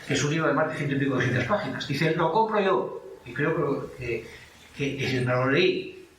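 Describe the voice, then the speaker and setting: A man's voice: mid-range voice, steady tone, fairly quick, fairly bright tone, recorded from a distance, slight background noise. Rambling man speaking in an echoey hall. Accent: Asturian Spanish. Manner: rambling, digressive, anecdotal. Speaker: book co-author presenting. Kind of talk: lecture-style talk on place names. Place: lecture hall.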